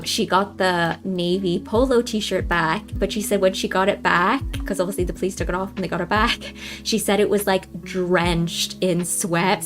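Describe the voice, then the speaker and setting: A young woman hosting a game livestream, telling a story in a rambling, chatty way with lots of fillers and restarts, often calling her viewers guys. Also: lowish voice. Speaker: livestream host.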